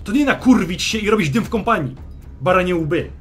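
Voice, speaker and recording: A man voicing a foul-mouthed army general who shouts sarcastic, swearing rebukes at his troops. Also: on the high side, very animated, normal speed, faint music behind. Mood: furious scolding. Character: foul-mouthed middle-aged human army general, gruff drill commander. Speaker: fantasy general addressing troops.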